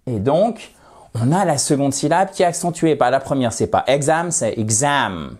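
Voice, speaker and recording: A man teaching English in French, a lively video lesson where he reads the English example sentences slowly and with stress. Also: medium pitch, husky.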